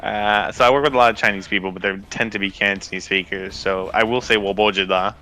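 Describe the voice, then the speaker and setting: A man's voice: fairly low pitch, fairly even intonation, fast, pushed and bright. A man co-hosting a casual gaming podcast, talking in a laid-back, rambling way and laughing often. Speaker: podcast co-host.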